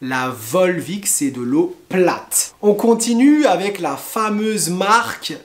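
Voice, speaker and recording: A man teaching pronunciation in a language lesson, saying each word slowly and deliberately and repeating it. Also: sits high, animated, echoey room. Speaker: French teacher.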